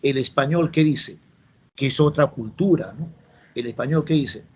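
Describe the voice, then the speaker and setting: A man's voice: mid-range voice, moderate pace, breathy edge. Man lecturing in a classroom. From Peru. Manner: repetitive, asks and answers his own questions. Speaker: teacher. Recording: dull lo-fi classroom recording with faint noise.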